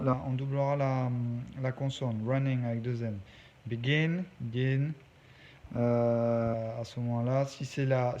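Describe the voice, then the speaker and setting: Stopping now and then to make sure his pupils keep up, a man teaching English works through a lesson step by step in a medium-pitched, darkish voice. Faint background noise sits under the dull lo-fi audio.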